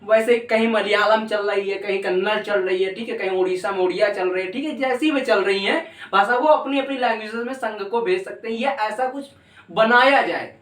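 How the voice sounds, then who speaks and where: A man's voice: high-pitched, brisk, fairly bright tone. Young male tutor, casual and chatty, recorded from a distance in a roomy space. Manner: casual, chatty, keeps asking "ठीक है", jokey examples. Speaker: teacher. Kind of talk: explaining a civics lesson. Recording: echoey room, voice from a distance.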